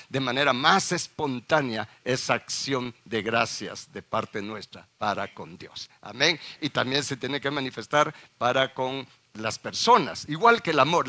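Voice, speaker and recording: Bright-voiced man preaching a sermon. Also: mid-range voice. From Guatemala. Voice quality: frequent hesitations and repeated words. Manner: preaching with questions to the congregation, emphatic scripture reading. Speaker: pastor.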